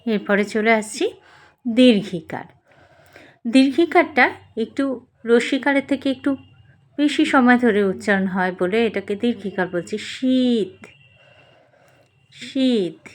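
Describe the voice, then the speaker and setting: A woman's voice: on the high side, lively intonation, moderate pace, long pauses. A woman teaching spelling, patiently sounding out and repeating each syllable. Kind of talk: slow instructional lesson.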